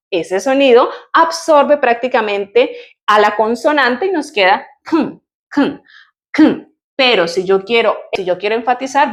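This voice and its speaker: A patient woman teacher with a slightly high voice whose first language is Spanish. She explains grammar step by step and says each English example slowly, several times over. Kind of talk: recorded online lesson, explaining grammar.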